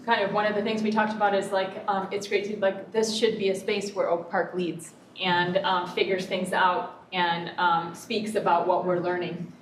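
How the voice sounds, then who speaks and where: A woman superintendent speaking at a board meeting, deliberate and full of pauses and ums. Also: lowish voice, flat delivery. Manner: hesitant, many ums, deliberate. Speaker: school superintendent. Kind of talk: public board meeting remarks. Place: echoey board meeting room. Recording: echoey room, distant mic, faint noise.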